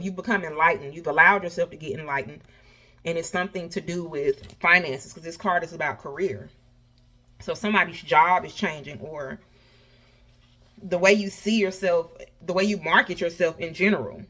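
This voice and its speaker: A woman's voice: on the low side, a bit bright. A woman with a slushy lisp on her s sounds, chatting casually and sassily to viewers as she reads tarot. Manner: folksy, sassy, addresses viewers as honey and baby. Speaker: tarot reader host.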